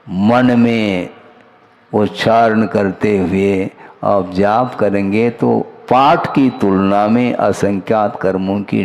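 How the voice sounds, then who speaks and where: A middle-aged man, a Jain monk, delivering a measured sermon and voicing the listeners' questions himself. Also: on the low side, a little mellow.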